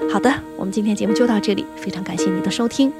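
A woman hosting an audio program, explaining gently and softening her points with little tag words. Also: mid-range voice, rapid-fire, over loud music. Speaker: host.

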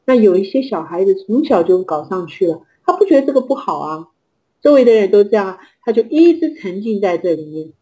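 A woman's voice: medium pitch, very animated, fairly quick, mellow, poor audio. A woman guest counselor answering in an interview, earnest and explanatory.

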